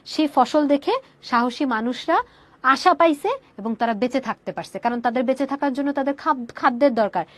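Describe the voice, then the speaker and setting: Young woman teacher, online class, high voice, dry close sound, keeps asking then answering herself. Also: no echo. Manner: asks questions and answers them herself; mixes English words into her explanation. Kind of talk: online class explaining a poem.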